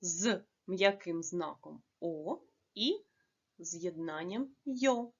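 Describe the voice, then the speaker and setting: A woman teaching a lesson to young children, dictating slowly and carefully with drawn-out words. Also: lowish voice, slightly rough, lo-fi sound. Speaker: primary school teacher.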